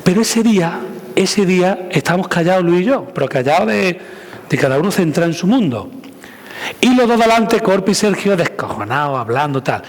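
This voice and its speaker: A man giving a storytelling lecture on public speaking, acting out the voices in his anecdotes with shifting pitch and volume. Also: fairly quick. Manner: animated, acts out quotes with shifting pitch and volume. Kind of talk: storytelling lecture to a live audience. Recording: long hall reverb.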